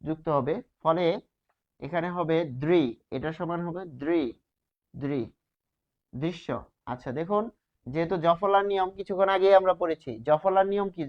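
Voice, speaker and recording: Man teaching grammar in a lo-fi recording. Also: on the high side. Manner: explains step by step, asks and answers his own questions. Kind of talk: grammar lesson at a whiteboard. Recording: slightly dull, lo-fi sound.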